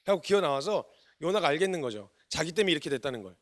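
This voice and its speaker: A man, a missionary preacher, giving a sermon in colloquial, animated storytelling style, acting out the quotes he tells. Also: on the high side, very fast.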